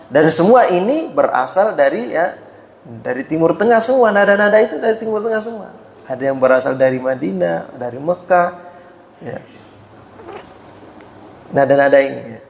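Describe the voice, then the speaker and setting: A man's voice: on the high side, vocal fry. A man preaching in a mosque, explaining Arabic terms and asking his listeners questions, with "ya" after nearly every phrase. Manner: explains Arabic terms slowly, frequent "ya" tags; asks listeners rhetorical questions. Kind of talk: mosque study talk. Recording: echoey mosque hall.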